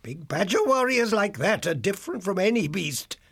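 A man voicing a wise old male creature in an audiobook, with a slow, knowing drawl and a husky, gravelly voice. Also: high voice, big pitch swings, fairly bright tone, voice pushed up, heavily acted.

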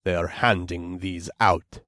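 A man doing a gruff, grunting orc bartender. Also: low voice, steady tone, sharp tone, no echo, studio quality, pitched below the performer's own voice. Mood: stern. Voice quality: gruff, hissing. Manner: slow, grunting and stern. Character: large gruff disapproving male orc bartender.

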